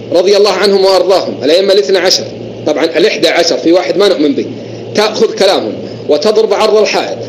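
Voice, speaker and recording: A man's voice: high-pitched, a little hiss or hum, poor audio. A man arguing in an online religious debate, stacking his points in long rhetorical lists. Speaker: debater in an online voice chat room.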